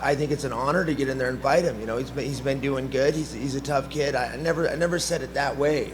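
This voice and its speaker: A man's voice: medium pitch, quick pace, a crowd in the background. A man answering press questions as a fighter in a hesitant, diplomatic way. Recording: noisy press conference room.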